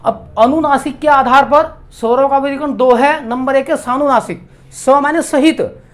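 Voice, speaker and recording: A man teaching a grammar lesson, slowly spelling out and repeating each vowel sound. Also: very high-pitched, a bit bright.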